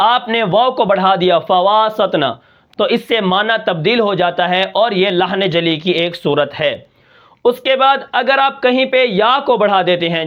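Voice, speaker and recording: High-voiced man teaching Quran recitation. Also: muffled recording. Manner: explains step by step, asking and answering his own questions; recites example words slowly and drawn out. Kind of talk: tajweed lesson.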